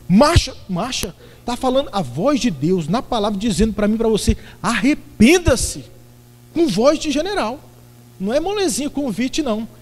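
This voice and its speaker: A middle-aged Brazilian man preaching a sermon, telling stories with acted-out voices and sudden shouts. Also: sits high. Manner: lively, theatrical storytelling with acted-out voices and shouts. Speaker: pastor. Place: church sanctuary. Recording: long church reverb.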